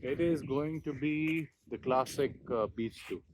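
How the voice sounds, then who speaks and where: A man's voice: mid-range voice, a little slow. Man chatting casually, faint noise. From India. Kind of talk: casual vlog chat.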